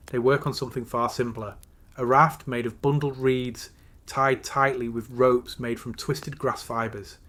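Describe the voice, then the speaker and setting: A male narrator reads a guided bedtime story at a medium pitch. His delivery is slow, soothing and measured. He sets phrases apart with unhurried pauses.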